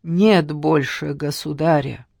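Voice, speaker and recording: A narrator voicing a tender, pious old nanny who soothes slowly with folksy endearments. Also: medium pitch, fairly even intonation, gravelly, a little mellow, dry recording, studio quality. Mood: grieving. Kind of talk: audiobook character reading.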